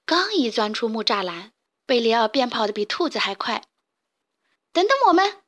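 Brief: female narrator for a kids' storybook, gentle and clear, fairly high pitch. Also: lively intonation, a little fast.

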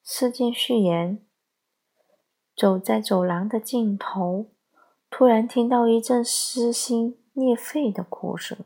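A woman giving calm, measured scripted narration of a parenting essay. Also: a little high, husky. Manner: slow, measured, calm storytelling.

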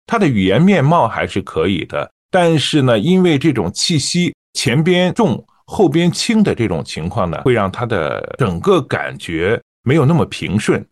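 A man coaching listeners on reading aloud, explaining in a calm, measured way with small fillers. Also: mid-range voice, no echo, clean studio sound. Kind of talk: teaching on-air reading technique.

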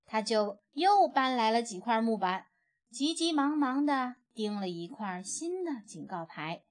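A woman reading a children's picture book aloud in an expressive storytelling manner. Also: a little high, unhurried.

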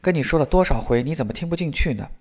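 A man's voice: fairly high pitch, expressive, very fast, breathy edge. A man reading as a scolding, worried mother. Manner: anxious, reproachful, sighing lectures.

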